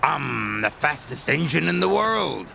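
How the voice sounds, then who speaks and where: A man's voice: on the low side, sing-song, a little slow, vocal fry, pushed and bright, slight background noise, exaggerated voice. A man voicing a sly, boastful male diesel engine with a rude, mocking drawl. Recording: music playing behind.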